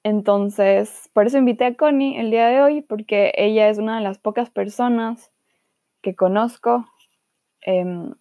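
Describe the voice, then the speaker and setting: Young woman with a gravelly voice. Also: mid-range voice, measured pace, dry recording, phone-quality sound. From Ecuador. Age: young adult. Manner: reflective, talks with many fillers. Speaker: podcast host. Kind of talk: casual podcast chat. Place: Germany.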